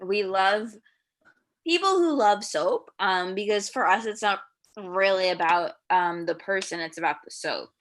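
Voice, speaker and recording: A woman's voice: medium pitch, lively intonation, unhurried, a bit bright. A woman with the hiccups co-hosting an improvised comedy scene over a home video call, playful and theatrical. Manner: playful, overly earnest, theatrical. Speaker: improv co-host.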